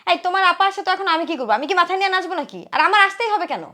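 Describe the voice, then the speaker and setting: A woman playing a spiteful young wife who scolds loudly and sneers at her husband's sister. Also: very high voice, expressive, rapid-fire, full character voice. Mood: scornful. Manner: scolding, loud and contemptuous. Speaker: sharp-tongued wife. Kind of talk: short film acting.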